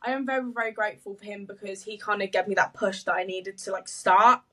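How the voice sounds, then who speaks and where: A woman's voice: medium pitch, fast talker, recorded from a distance. A young woman from the UK, a social media marketer, chatting casually on a podcast with lots of fillers and laughter. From United Kingdom. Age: young adult. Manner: chatty, animated, laughs often, many fillers.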